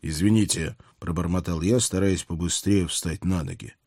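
Low-voiced man narrating an audiobook. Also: animated, moderate pace, warm tone, dry recording, studio quality. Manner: wry, ironic storytelling. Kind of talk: first-person audiobook narration.

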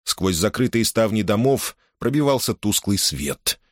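Male narrator, low register, even and measured, dry close recording. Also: dry recording. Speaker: audiobook narrator. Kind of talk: scripted narration.

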